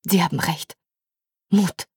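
A woman's voice: on the low side, steady tone, slow, breathy edge, no room sound, studio quality, full character voice. A woman voicing a self-conscious, anxious woman at a gala in an audiobook. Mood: resolving.

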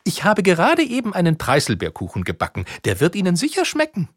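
A man reading aloud, voicing a grumbling, sly old witch in a husky, put-on high voice. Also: wildly swooping pitch, quick pace, no echo, studio quality, full character voice. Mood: coaxing.

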